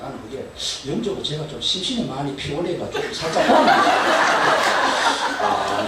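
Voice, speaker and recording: An older man gives a church testimony, earnest and often chuckling. His pitch rises and falls widely as he tells his story. He is heard from a distance in a very echoey hall, with steady noise behind him. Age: 60s. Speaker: deacon giving a testimony.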